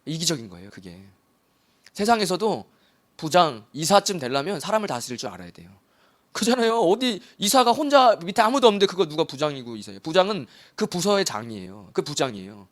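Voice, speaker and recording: A male pastor preaching at a quick clip, his pitch leaping up and down as he acts out little conversations. His voice sits a bit high for a man. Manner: animated preaching, acting out imagined dialogue. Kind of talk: sermon.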